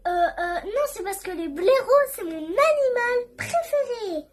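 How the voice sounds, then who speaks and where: A young speaker talking casually into a phone video and making hurried, sheepish excuses. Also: very high-pitched, animated. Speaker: social media poster.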